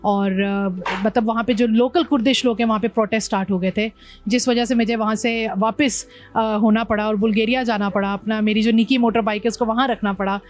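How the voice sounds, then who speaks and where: Pakistani woman biker as guest, lively storyteller, somewhat high voice, faint music under her. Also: a little fast. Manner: animated storytelling, mixing in English words. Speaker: motorbike traveller, guest. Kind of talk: interview conversation.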